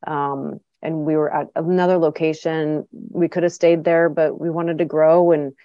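Her voice sits low with a level tone at normal speed, and there's no room sound in the dull, dry, lo-fi recording. She's a middle-aged clinic director, responding to interview questions in a chatty way with plenty of ums and restarts.

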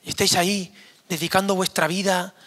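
A hoarse male pastor preaching an energetic, joking sermon to young people in a church, acting out quoted voices. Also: sits high, brisk. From Spain. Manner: animated, jokey, acts out quoted voices. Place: church hall.

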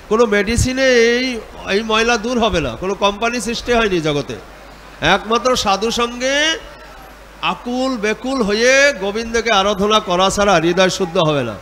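A man's voice: high voice, a bit bright, a little hiss or hum. A man teaching and leading a group in devotional chanting, giving hand instructions and urging them to chant with an open mind. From Bengal. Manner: exhorting, calls out and leads group chanting. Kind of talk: guided devotional chanting lesson.

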